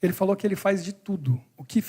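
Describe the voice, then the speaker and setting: This pastor's sermon comes in a high, warm voice with a breathy edge, delivered at a quick pace. He talks to his congregation directly and conversationally in a church hall in Brussels.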